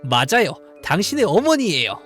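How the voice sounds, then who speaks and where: A mysterious guide speaks in a calm, formal, polite way, as a man plays him. The voice moves freely up and down, with faint music behind it. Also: high voice, moderate pace, pitched above the performer's own voice, exaggerated voice.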